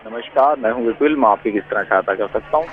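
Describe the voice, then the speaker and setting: A man's voice: medium pitch, fast, narrow, tinny audio, close to an everyday voice. A man playing a polite young helpline agent reciting scripted greetings. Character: polite young male call-center agent.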